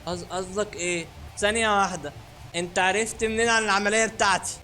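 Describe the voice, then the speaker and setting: A man with an Egyptian Arabic accent giving casual, joking and sarcastic gameplay commentary from home, sometimes bursting into shouting. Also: high voice, steady tone, quick pace, faint music behind. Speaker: gaming YouTuber host. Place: at home, sitting on a dining chair.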